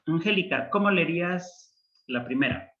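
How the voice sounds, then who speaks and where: Male Hebrew teacher with a slightly high voice, patient and slow, explaining grammar. Dull lo-fi class recording. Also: expressive. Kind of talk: online language class.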